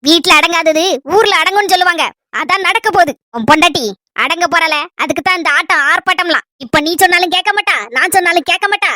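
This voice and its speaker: A woman with a Kanyakumari Tamil accent rattles off her lines in a village family comedy skit. Her voice sits very high and sounds bright and sharp, and she scolds fast and shrilly. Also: dry recording, studio quality. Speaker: comedy sketch performer.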